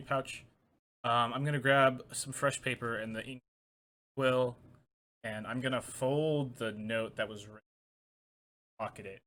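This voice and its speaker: A man's voice: medium pitch, fairly even intonation, unhurried, long pauses, fairly bright tone. A man plays his character in a tabletop game, with an ordinary mid-range voice. He chats casually and fires off short questions. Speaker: player. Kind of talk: tabletop role-play.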